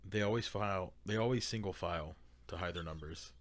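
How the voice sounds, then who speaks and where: Deep-voiced man reading dad jokes. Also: brisk. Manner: reads dad jokes, laughs loudly at his own puns. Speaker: podcast co-host. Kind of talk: casual chat.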